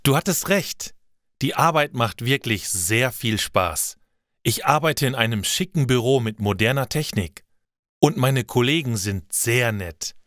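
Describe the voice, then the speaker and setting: A man voicing a young woman in a learner's story, a little higher and livelier than his narration. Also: animated, measured pace, a bit bright, no echo, studio quality. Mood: pleased. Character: young woman, friendly then nervous.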